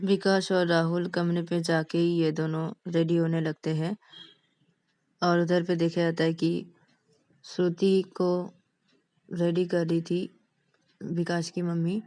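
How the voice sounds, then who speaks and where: A woman's voice: fairly low pitch, warm tone. A woman narrating a story in a casual, plain retelling style with repetitive linking phrases.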